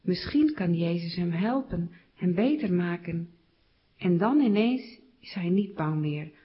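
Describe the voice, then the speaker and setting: A woman telling a Bible story to children in simple, clear words. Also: on the low side, lively intonation, a little slow. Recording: slightly dull recording.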